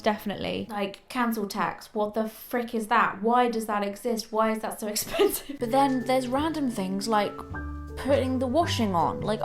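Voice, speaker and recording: British woman in her twenties, chatting candidly over music. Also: mid-range voice. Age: 20s. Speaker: vlogger. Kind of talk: casual chat to camera.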